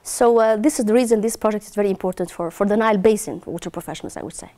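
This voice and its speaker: A woman from Egypt in her forties, answering interview questions in a measured way with many pauses. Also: medium pitch, warm tone. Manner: measured, with frequent hesitations. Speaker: interviewee, network manager. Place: indoor room.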